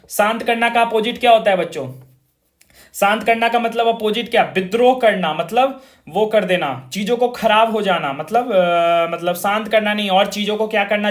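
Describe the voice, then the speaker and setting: A man's voice: high-pitched, a bit bright. A man teaching a vocabulary class, repeating words in call-and-response drills and talking to his students as children. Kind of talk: informal online classroom lesson.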